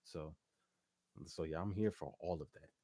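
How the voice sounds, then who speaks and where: A deep bass male voice with a warm tone, speaking at a normal pace with no echo. He's an R&B singer and producer appearing as a guest in an interview, talking loosely and casually with plenty of slang.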